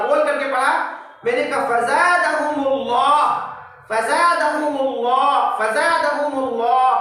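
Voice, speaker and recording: A man teaching a Quran recitation class. He asks his own questions, answers them, and repeats each example word slowly several times. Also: extremely high pitch, bright, forceful tone. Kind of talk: tajweed class lecture. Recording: very echoey room, distant mic.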